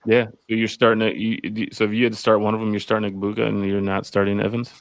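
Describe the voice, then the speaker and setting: A man with a low voice hosts a loose, casual sports chat and rambles through the rundown with jokes. The sound is close and dry, with no room around it. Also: little pitch movement, fast talker, no echo. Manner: rambling, jokey, leads the rundown. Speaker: podcast host. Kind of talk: casual fantasy football chat.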